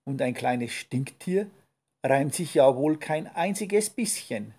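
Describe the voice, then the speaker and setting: Grouchy old witch, female, grumbling and scolding, played by a man, gravelly dark voice. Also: mid-range voice, animated, takes it slowly, heavily acted. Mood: grumpy.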